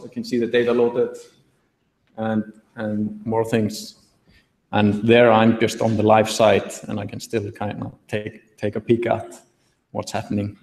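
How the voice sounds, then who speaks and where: A young man giving a relaxed tech talk at a meetup, thinking aloud with fillers from a podium in a large auditorium. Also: lowish voice, gravelly. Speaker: conference speaker. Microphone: podium mic, recorded from the hall. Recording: echoey hall.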